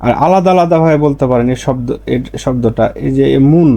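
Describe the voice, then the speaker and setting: A man teaching Korean pronunciation rules, speaking slowly and repeating each example word with stress. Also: mid-range voice, warm tone. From Bangladesh. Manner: slow, repetitive, stresses example words.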